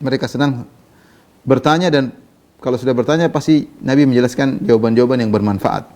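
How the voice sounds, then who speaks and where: Male preacher, quick and mellow, reads Arabic then explains casually, sermon commentary. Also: medium pitch. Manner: reads Arabic text then explains in Indonesian, conversational with fillers. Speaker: Islamic preacher.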